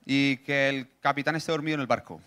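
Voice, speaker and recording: A man preaching a sermon, reading scripture and joking with the congregation through quick questions. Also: medium pitch, fairly even intonation, pushed and bright. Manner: jokey, asks the audience questions, reads scripture aloud.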